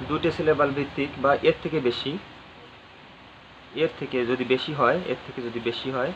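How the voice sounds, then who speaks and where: A man's voice: medium pitch, fairly even intonation, normal speed. A man teaching an English grammar lesson, spelling words letter by letter, repeating phrases and asking his viewers questions. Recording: slightly dull audio with faint ambient noise.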